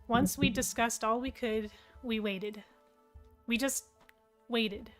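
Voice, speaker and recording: A woman tells a story in the first person, in a reflective and steady way. Her voice sits a little high, with faint music behind it. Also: slow pace. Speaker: narrator.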